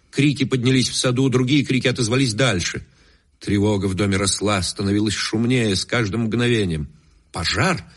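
Low, husky male audiobook narrator. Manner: measured, expressive reading.

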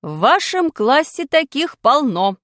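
A woman's voice: high-pitched, very animated, a little slow, fairly bright tone, no echo, studio quality, heavily acted. A woman voicing a stern, bossy female school singing teacher who barks orders in a children's story. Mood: scolding. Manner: strict, barking orders. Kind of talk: storybook character voice.

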